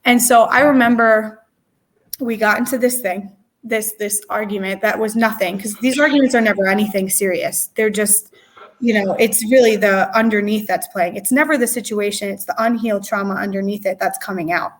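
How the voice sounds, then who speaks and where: A woman's voice: medium pitch, steady tone, normal speed. A woman in her twenties, an interview guest telling a personal story in a candid, emotional way, with many fillers and restarts. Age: 20s.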